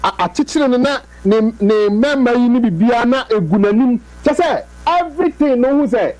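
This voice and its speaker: A man's voice: very high-pitched, animated, fairly quick, a little mellow, low-quality recording. Ghanaian man reading a religious teaching. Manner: questioning, reads then asides. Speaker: host reading a teaching series. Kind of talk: read-aloud teaching then casual chat in Twi.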